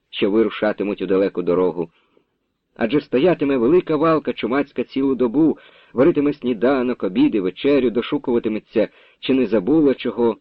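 A man narrating a literary story in a measured, expressive reading for radio. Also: mid-range voice, no echo. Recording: dull dry radio recording.

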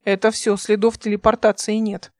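A woman's voice: medium pitch, level tone, normal speed, darkish tone, dry recording, clean studio sound, close to an everyday voice. A woman reading an audiobook voices a ship's computer intelligence in a level, factual tone.

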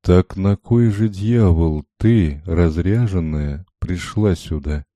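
A man doing a gruff bearded pauper. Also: deep voice, steady tone, takes it slowly, mellow, no echo. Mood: raging. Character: rough bearded poor father, gruff and angry.

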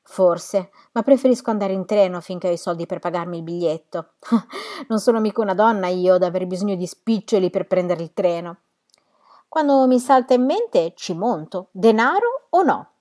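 A woman's voice: mid-range voice, expressive, normal speed, mellow, close to an everyday voice. A woman voicing a charming, easygoing young man who teases playfully, read from a novel. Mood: teasing.

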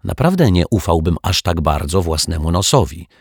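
A man voicing an earnest, slightly bumbling detective in an audiobook, in a gently reasoning manner. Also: sits low, sing-song, moderate pace, breathy edge, dry recording, studio quality, heavily acted. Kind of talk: audiobook character voice.

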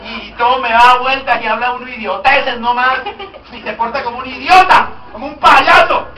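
In an echoey hall with the microphone far off, a pastor cracks jokes through a humorous sermon and quizzes his congregation. He speaks at a normal speed in a very high-pitched voice. The background is noisy.

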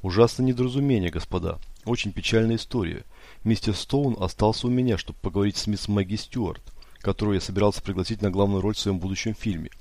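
A man voicing a panicky, loud male film producer in an audiobook, yelling and hysterical. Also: fairly low pitch, fast talker, dry recording, natural voice. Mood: smooth excuses.

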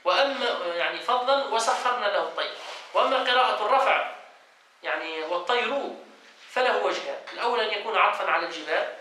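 Brief: male sheikh teaching a study circle, high, bright voice, distant and echoey. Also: quick pace. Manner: reads a passage, then explains it and quizzes students. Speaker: sheikh teaching Quran exegesis. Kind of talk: classroom lesson, reading and explaining. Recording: echoey room, voice from off-mic, faint noise.

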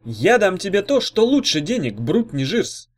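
A man plays a smooth-talking swindler making a grand pitch to a rough crowd. His voice climbs high and loud, swinging wide as he promises riches. Wheedling, theatrical, relentless. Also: big pitch swings, moderate pace. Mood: grandiose. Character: slick wheedling male swindler, showy persuader.

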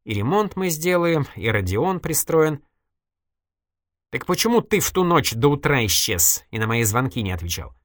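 A reader voicing a sharp-tongued, stubborn young woman in an audiobook, reproachful and needling, with a dry close sound. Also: a bass voice, sing-song, normal speed, no room sound, voice pushed up. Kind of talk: audiobook character voice.

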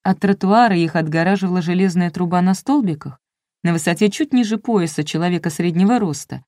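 A woman's voice: lowish voice, fairly quick, a little mellow, dry recording, clean studio sound. A woman narrating a first-person audiobook in a wry, ironic storytelling manner.

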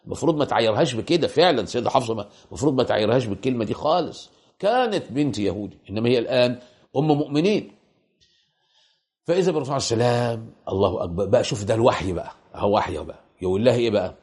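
A man's voice: medium pitch, lively intonation, rapid-fire, a little mellow. A man with an Egyptian Arabic accent giving a colloquial religious lecture, asking rhetorical questions and repeating points for emphasis. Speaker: preacher.

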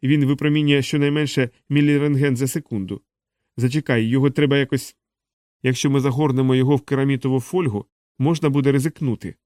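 A man's voice: mid-range voice, steady tone, fast talker, darkish tone, no echo, studio quality, close to an everyday voice. A man reading an audiobook and voicing an agitated male physicist in a raised, urgent voice.

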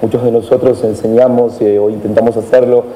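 Argentine guy lecturer musing on a panel, discursive, really mellow, echoey room w faint noise. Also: medium pitch, flat delivery, a little fast. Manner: discursive, checks in with tag questions. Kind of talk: reflective panel talk.

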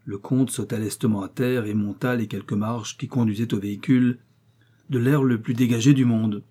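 A man narrating a classic novel as an audiobook in a measured, expressive way. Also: mid-range voice, slightly rough.

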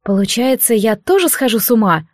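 A young priestess, earnest and puzzled, as a woman reader plays her, her voice bright and fairly high but plain. The questions come out searching and sincere. The recording is dry and close. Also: very animated, brisk, no echo. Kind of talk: audiobook character voice.

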